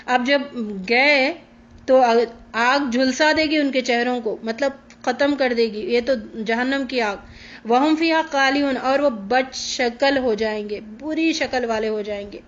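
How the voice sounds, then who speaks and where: A high-pitched woman gives a Quran lesson on a dull, lo-fi recording. She explains each verse line by line and acts out the pleas and replies she describes. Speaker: Quran teacher.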